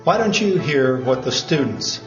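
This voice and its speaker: A man speaking as a business school dean, giving a measured, formal address to camera. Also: medium pitch, sing-song. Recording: dull lo-fi audio in an echoey room with loud music.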